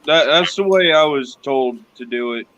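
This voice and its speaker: A man's voice: medium pitch, normal speed, a bit bright, muffled recording, slight background noise. A man on his phone in a casual online group chat, explaining things plainly and unhurriedly. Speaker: chat participant.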